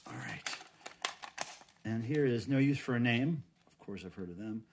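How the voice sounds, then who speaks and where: This cassette unboxing host, a middle-aged American man, has a medium-pitched, slightly mellow voice with big pitch swings and a moderate pace. He offers casual, folksy commentary at an indoor tabletop, thinking aloud as he works, while crinkling plastic wrap, clicking cases and handling noise are clearly audible.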